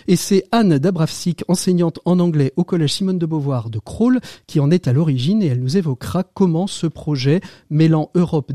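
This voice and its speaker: Older male radio host, dark voice. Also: a little high, no echo, clean studio sound. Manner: measured, formal delivery with frequent hesitations. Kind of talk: radio show introduction and interview. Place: studio set up in association offices.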